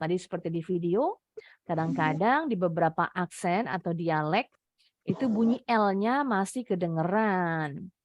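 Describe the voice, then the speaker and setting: A young Indonesian woman with a mid-range voice teaches an online English class to children, drilling words slowly again and again and coaxing her pupils along. She's heard through a computer mic on a video call, with no echo.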